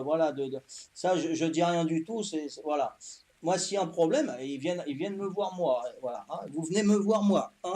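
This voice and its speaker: A man in his fifties with a Corsican accent, chatting calmly to his viewers during a live game stream, tagging his sentences with "hein" and repeating himself. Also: a little high. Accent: Corsican French. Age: 50s. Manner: calm, unhurried, talks to chat while playing.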